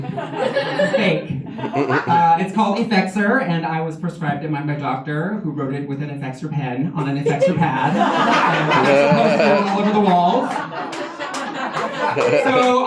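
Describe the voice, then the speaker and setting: A man doing a stand-up comedy set at a benefit show, making self-deprecating, confessional jokes, secretly recorded from the audience. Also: fairly high pitch. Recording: distant echoey bootleg with loud noise.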